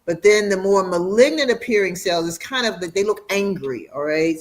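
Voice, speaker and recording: A middle-aged woman speaks as a guest doctor in an interview, explaining clearly and patiently. She slows down to drive home important points and sometimes laughs as she talks. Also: fairly low pitch. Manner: warm, explanatory, slows for emphasis. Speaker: radiation oncologist guest. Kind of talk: educational interview.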